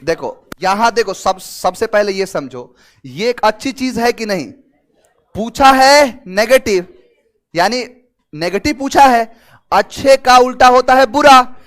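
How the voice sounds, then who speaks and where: Man, high voice, English teacher, Hindi mixed with English, quizzing students, exam prep. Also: unhurried. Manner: explains in Hindi mixed with English terms, asks students questions; lively and talkative, gives everyday examples. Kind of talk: online exam-prep class.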